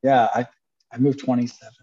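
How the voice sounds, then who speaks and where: Guest: man, 30s, upbeat and jokey, mid-pitched, slightly dull lo-fi recording. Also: little pitch movement, fairly quick, crowd noise. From Canada. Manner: upbeat, joking, laughs often. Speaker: guest entrepreneur. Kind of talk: casual interview chat. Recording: dull lo-fi sound.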